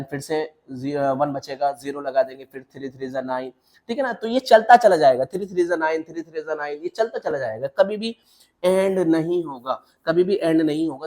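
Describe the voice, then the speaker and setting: A man's voice: fairly high pitch, a little mellow. A man teaching a maths lesson, walking step by step through examples and checking in with the class. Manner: repetitive checks with the class, mixing English terms into Hindi. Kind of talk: classroom lecture.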